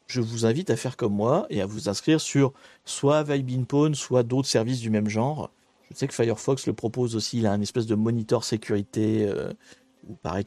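A man's voice: medium pitch, dark tone, no room sound. A man hosting a casual live stream, chatting to viewers with frequent hesitations and restarts.

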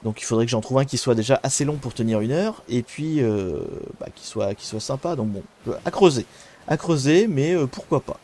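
Hesitant French-speaking male streamer, mellow tone. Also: mid-range voice, lively intonation, a little fast. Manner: hesitant, many fillers and restarts; greets chat viewers by name. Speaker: streamer hosting a cybersecurity talk show. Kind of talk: casual live-stream chat while gaming.

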